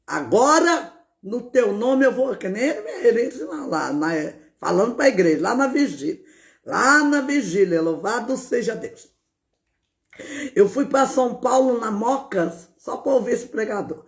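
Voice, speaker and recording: A woman preacher giving a fervent testimony, often breaking in with words of praise and now and then shouting out. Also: fairly high pitch, sing-song, measured pace, vocal fry. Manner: bursts into shouted exclamations. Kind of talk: fervent spoken testimony on a live stream.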